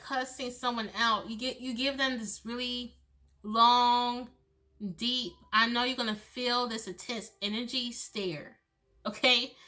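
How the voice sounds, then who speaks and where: A woman's voice: on the high side, pushed and bright. A woman giving a loose, chatty tarot reading, swearing freely and laughing between thoughts. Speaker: tarot reader. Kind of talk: casual tarot reading monologue.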